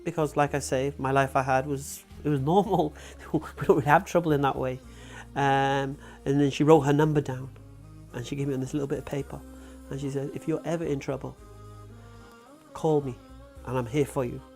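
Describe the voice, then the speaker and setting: A man's voice: mid-range voice, steady tone, fairly quick, vocal fry, a little mellow, faint music behind. A man of forty who grew up in Wales, speaking frankly about his life in a casual interview, with frequent ums and uhs. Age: 40s. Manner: frank, plain-spoken, with many ums and uhs. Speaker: interview guest. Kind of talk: casual personal storytelling.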